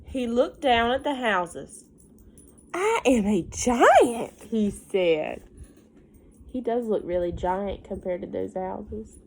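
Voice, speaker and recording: A teacher reads a picture book aloud to young children, going slowly while her pitch rises and falls in lively swings. She frequently pauses the story for casual asides, explaining things simply or asking the kids questions.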